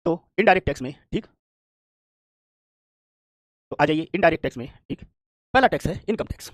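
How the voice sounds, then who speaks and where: A man teaching an economics class, talking quickly and often asking if students understood. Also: on the high side, no echo. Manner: fast, lively, repeats "ठीक" and checks understanding; acts out complaining shopkeepers. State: tired from standing. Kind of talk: classroom lecture.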